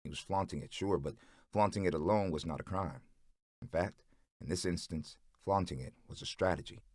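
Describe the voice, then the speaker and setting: A man narrating an audiobook chapter in a steady, dramatic storytelling manner. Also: deep voice, normal speed, dry recording, clean studio sound.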